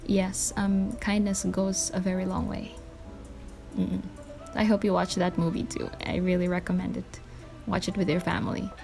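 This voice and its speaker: A woman hosting a casual solo podcast at home at night, answering listener questions in a soft, earnest way with frequent ums, captured on a handheld voice recorder. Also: medium pitch, creaky. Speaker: podcast host.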